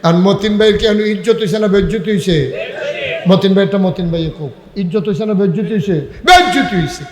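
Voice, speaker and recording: High-pitched guy preaching loud at a crowd, lots of shouting, big echoey hall with long reverb. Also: fast talker. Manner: calls and answers with the audience. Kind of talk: sermon.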